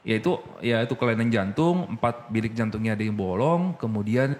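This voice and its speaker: A man casually telling his personal story as a guest, slipping English phrases into his talk and getting animated as he recounts. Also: fairly low pitch, a little fast, a little hiss or hum.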